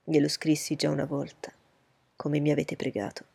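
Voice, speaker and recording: A woman reading aloud voices a proud, reserved gentleman who speaks in a cool, measured, lecturing way. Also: low-pitched, little pitch movement, gravelly, husky, no room sound, exaggerated voice.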